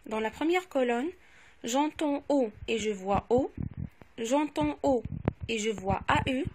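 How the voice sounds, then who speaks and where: A woman teacher slowly correcting phonics exercises, saying each word twice and spelling out letters. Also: fairly high pitch, a little mellow, slight background noise. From Morocco. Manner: repeats each word twice, stressing sounds. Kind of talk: slow, clearly articulated classroom dictation.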